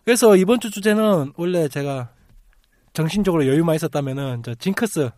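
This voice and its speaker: A man with a slightly raised voice hosts a relaxed podcast chat, laughing easily and breaking into quick impressions of other people. The sound is dry and close, with no room echo. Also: on the high side. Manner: chatty, laughs often, mimics others. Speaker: podcast host. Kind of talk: casual chat.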